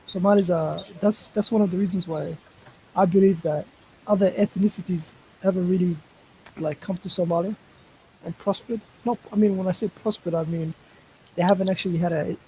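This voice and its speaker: A man's voice: sits high, steady tone, normal speed, warm tone, a little hiss or hum, low-quality recording. A man speaking as a guest on a casual online panel, stumbling over his starts and repeating words before making his point firmly. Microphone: voice call over a live stream.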